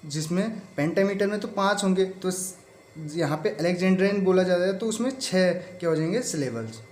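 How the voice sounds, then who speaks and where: High-voiced Indian man teaching in an echoey room. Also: lively intonation, a little mellow. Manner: explains step by step, asking and answering his own questions; reads English quiz items slowly, mixing English terms into Hindi. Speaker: English literature teacher. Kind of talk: exam-prep lecture.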